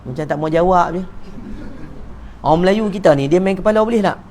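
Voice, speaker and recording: High-voiced Malaysian religious teacher. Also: male voice, a little fast, a little hiss or hum. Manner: lively, joking, acts out little dialogues. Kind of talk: evening mosque talk. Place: neighbourhood prayer hall.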